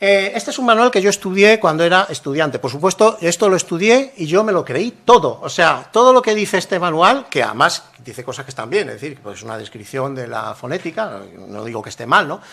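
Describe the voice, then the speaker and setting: An older man lecturing at an academic conference in a high, bright voice. He talks in an animated, rhetorical way and keeps acting out the phrases he quotes, and his pitch rises and falls sharply as he does. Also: fairly quick, gravelly, hardly any pauses. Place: university lecture hall.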